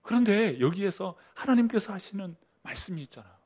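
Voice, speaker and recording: A middle-aged man preaching a Sunday sermon in a church sanctuary, his voice pitched a touch higher than most men. He swings between loud, emphatic declarations and quiet, hushed asides. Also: lively intonation, brisk. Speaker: pastor.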